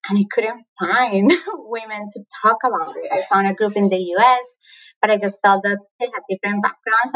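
A Colombian woman whose native language is Spanish speaks with a Colombian accent as a guest in a conversational interview, reflecting and laughing often. Her medium-pitched voice is fairly bright, though the recording is rough.

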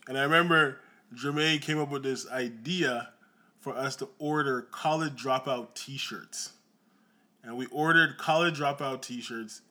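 A man from Jamaica co-hosting a podcast with his wife, telling stories in a relaxed, chatty way. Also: mid-range voice. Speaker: podcast co-host. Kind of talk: casual chat.

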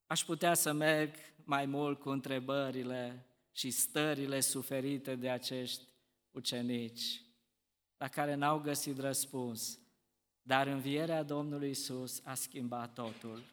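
A man preaching a sermon with passion, moving between hushed, slow stretches and loud, emphatic ones. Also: medium pitch, level tone, big-room sound.

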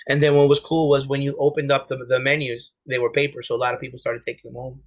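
Fast and flat, a young man's mid-range voice comes through with a New York accent. He's an American guest in a casual interview, speaking candidly and frequently restarting or filling pauses.

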